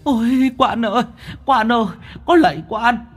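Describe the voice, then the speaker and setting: A man voicing a shrieking old female spirit that has possessed an old woman, shrill and pleading. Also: normal speed, faint music behind. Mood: begging.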